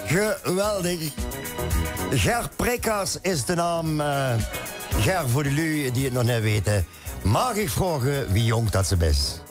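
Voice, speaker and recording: Lively male host with broad Limburg Dutch accent. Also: fairly high pitch, slow pace, over music. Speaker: radio/TV host. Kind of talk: conversational interviewing in dialect.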